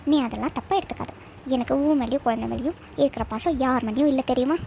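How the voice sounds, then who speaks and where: A woman voicing a careless young husband in a cartoon who teases and smooth-talks. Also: high voice, fast talker, warm tone, slight background noise. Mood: glib. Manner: smooth-talking and dismissive. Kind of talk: cartoon voice acting.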